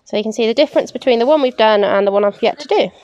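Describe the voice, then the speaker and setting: A woman's voice: on the high side, very fast, darkish tone, lo-fi sound. Young woman livestock keeper explaining farm work. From England. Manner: practical, explains while working, frequent "um". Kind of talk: casual farm demonstration. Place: outdoor paddock and large open farm barn.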